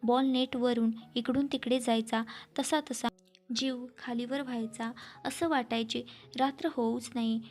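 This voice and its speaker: A woman's voice: on the high side, close to an everyday voice. A woman voicing a married woman who speaks in a wistful, confiding way in a storybook reading. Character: married woman recalling first love, wistful.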